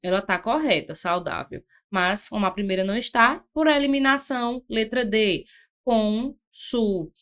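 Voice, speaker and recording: A woman, speaking in a fairly high voice, walks students through exam-prep grammar. She teaches step by step, breaking words into syllables and pausing to ask if everyone is following. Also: fairly bright tone, clear, resonant tone. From Brazil. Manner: didactic, spells out syllables, frequent "ó" and "certo?".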